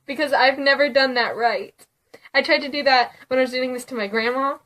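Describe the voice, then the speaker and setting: A woman reading a spooky story aloud and chatting casually, giggling often and dropping to a hush for the suspenseful parts. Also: high voice, a little fast, distant mic. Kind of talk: casual storytelling and vlog chat.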